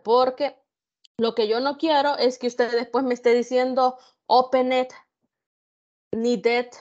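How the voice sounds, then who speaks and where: A woman tutor giving an online grammar lesson, explaining slowly and carefully with examples and questions to her students. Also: fairly high pitch, a little mellow, lo-fi sound. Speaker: English tutor. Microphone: computer mic on an online class.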